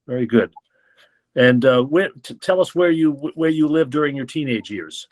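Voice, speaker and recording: A man moderating a candidate interview for a newspaper's editorial board. He is polite but halting, stopping and restarting his questions as he goes. His pitch is ordinary for a man. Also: darkish tone.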